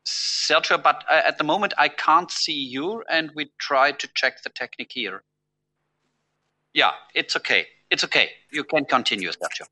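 A man with a German accent, a native German speaker, chairing a virtual meeting informally and haltingly. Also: fairly high pitch, expressive, bright, forceful tone. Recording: clearly noisy meeting microphone.

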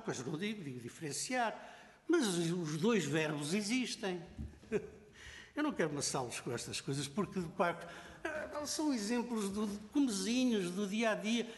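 A man's voice: high voice, in a large hall. An older man from Portugal with a European Portuguese accent, a professor giving an indignant, emphatic public speech full of examples.

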